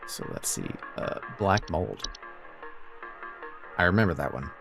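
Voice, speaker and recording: Low-voiced man giving casual game commentary. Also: very animated, measured pace, creaky, music in the background. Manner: offhand, thinking aloud. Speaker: video game player and commentator.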